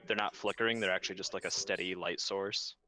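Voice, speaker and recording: A young man narrating a tabletop game as game master, relaxed and full of fillers and pauses. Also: deep voice. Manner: relaxed, hesitant with many fillers.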